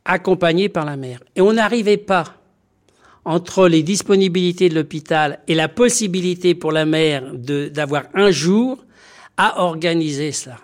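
A man who is a doctor and community health activist, giving documentary interview testimony in an earnest, emphatic way with frequent pauses and hesitations. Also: a little high.

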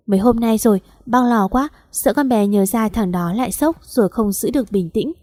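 A woman's voice: a little high, normal speed, mellow, dry recording, studio quality, lightly acted. A woman voicing a worried, loving middle-aged mother who frets over her daughter.

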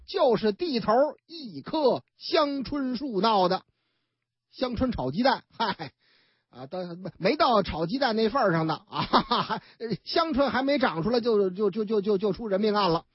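A woman's voice: mid-range voice, big pitch swings, normal speed, slightly rough, no echo, highs cut off. A woman retelling news stories in a chatty, colloquial broadcast storytelling style.

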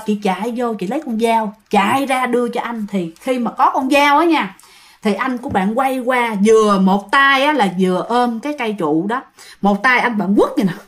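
A woman's voice: fairly high pitch, lively intonation, moderate pace. A woman with a Southern Vietnamese accent telling a ghost story in a chatty way, speaking to her listeners directly and repeating herself often. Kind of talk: casual spoken ghost story.

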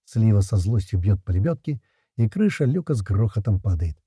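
A man's voice: on the low side, very animated, a little fast, dark tone, husky, no echo, studio quality. A man narrating a first-person audiobook in a tense, gritty storytelling manner.

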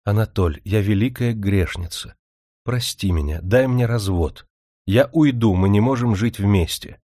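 A man's voice: lowish voice, unhurried, mellow, no room sound, studio quality. A man voicing a proud young princess in a spoken story, pleading and indignant by turns.

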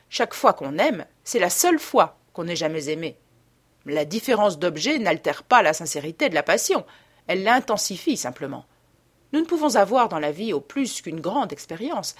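A woman voicing a cynical, epigram-loving English lord in an audiobook, with a smooth, lecturing manner. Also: mid-range voice. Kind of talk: audiobook character reading.

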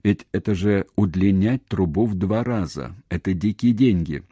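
A weary middle-aged hospital chief, played by a male narrator speaks. His talk is terse and restrained in a low, husky voice. The recording is dry and close. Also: normal speed, mellow, no room sound.

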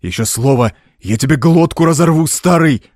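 A man's voice: lowish voice, moderate pace, a little mellow, no echo, studio quality, natural voice. A man doing a grim, anguished husband. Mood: desperate. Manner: grim, trembling.

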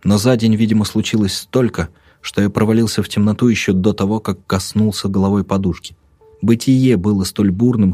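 A man narrating a first-person mystery story in a tense, measured way. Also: fairly low pitch, mellow, breathy edge, dry recording. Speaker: audiobook narrator.

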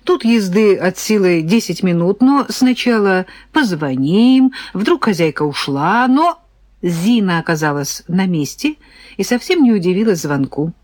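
A woman narrating a first-person audiobook story in a lively, expressive way. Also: mid-range voice, unhurried, no room sound.

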